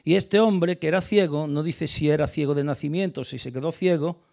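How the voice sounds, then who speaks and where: A man preaching a sermon, emphatic, stressing key words loudly before dropping quiet, often repeating words as he restarts. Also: on the high side, fairly quick, gravelly. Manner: emphatic, builds to loud stressed peaks then drops quiet. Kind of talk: sermon on a Bible passage.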